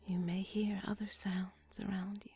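A woman whispering a slow, soothing guided relaxation script in a breathy, hushed voice. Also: medium pitch, little pitch movement, faint music behind.

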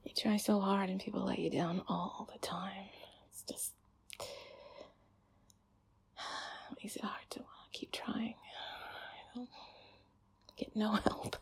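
A young woman whispering in a close ASMR chat, often giggling and sighing softly. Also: medium pitch, creaky, husky. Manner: soft whispering with frequent giggles and sighs. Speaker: ASMR creator.

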